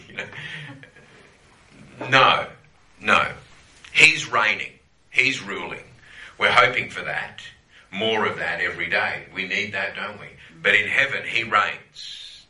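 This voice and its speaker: Bright-voiced man teaching the Bible. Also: fairly low pitch, echoey room, rough recording. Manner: conversational, checks in with "yeah?"; quotes scripture, repeats phrases for emphasis. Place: teaching room with a group.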